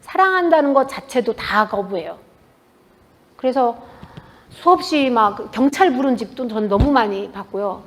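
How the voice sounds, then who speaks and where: A woman author giving a talk to an audience in a bookstore, telling stories in a lively way and acting out what people said. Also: fairly high pitch. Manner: lively storytelling, acting out quoted dialogue. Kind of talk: public book talk to an audience. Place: bookstore event space.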